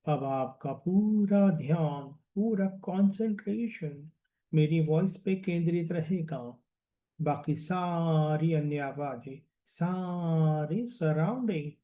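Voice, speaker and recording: A meditation coach guides a relaxation session in a soothing, deliberate voice that is on the high side and warm. He repeats phrases and lets them trail off.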